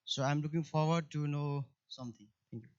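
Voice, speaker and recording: A man introducing himself as an intern developer at a conference, halting with many pauses. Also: fairly high pitch, fairly even intonation, a little mellow. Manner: halting, many fillers and restarts. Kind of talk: hesitant self-introduction. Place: conference room. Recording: dull lo-fi livestream audio.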